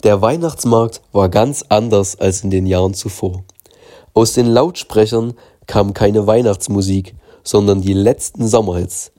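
A man narrating a children's storybook in a calm, measured reading voice. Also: fairly low pitch. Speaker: audiobook narrator.

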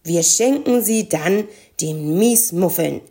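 A woman voicing an earnest, hurried young boy in a children's storybook. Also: on the low side, lively intonation, warm tone. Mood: helpful.

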